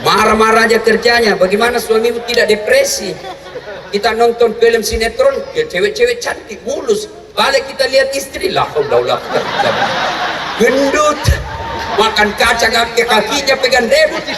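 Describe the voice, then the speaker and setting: A male preacher giving a comic sermon to a large crowd, animated and often shouting in mock scolding. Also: very high voice, moderate pace, background noise. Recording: echoey hall from far off with crowd.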